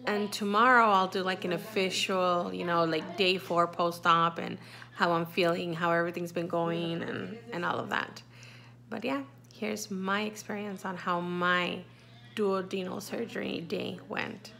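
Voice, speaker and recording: A woman's voice: fairly low pitch, level tone, a little slow, vocal fry, sharp tone. A young woman vlogger talking casually to camera in a hospital, rambling with lots of fillers. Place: hospital room.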